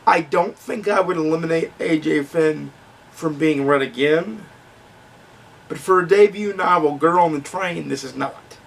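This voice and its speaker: A man's voice: on the high side, a little slow, gravelly, recorded from a distance, a little hiss or hum. A man giving a frank, conversational book review with ums and restarts, his voice starting to crack.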